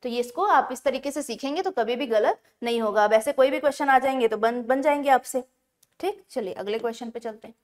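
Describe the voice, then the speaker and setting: A woman teaching an exam-prep grammar lesson, explaining step by step and slowing down to spell words out syllable by syllable. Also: fairly high pitch. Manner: explains step by step, often checks in with the class.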